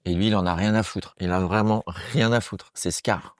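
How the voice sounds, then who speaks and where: A man delivering a rambling, slangy comic monologue to camera, crude and excitable, dropping into quick voices. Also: lowish voice, no echo, studio quality. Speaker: comedic monologue host. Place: small room, close to camera.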